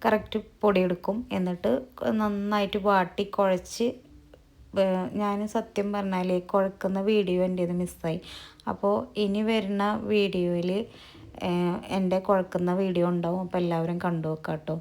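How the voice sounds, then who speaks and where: A woman narrating her cooking vlog in a soft, low-volume voice-over, chatty and rambling, often correcting herself. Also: level tone, normal speed. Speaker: cooking vlogger. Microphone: recorded in a closed room.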